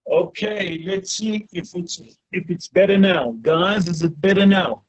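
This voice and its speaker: Over muffled, lo-fi call audio with no room sound, a high-pitched rabbi leads a class on a group video call. The connection keeps cutting out, so his speech comes haltingly and he repeats what gets lost.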